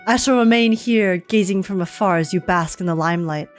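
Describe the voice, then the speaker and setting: A woman's voice: mid-range voice, fairly quick, faint music behind, close to an everyday voice. A woman playing a florid, gallant male knight. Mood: admiring, gracious. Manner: theatrical, flowery, courtly. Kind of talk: reading game dialogue aloud in character.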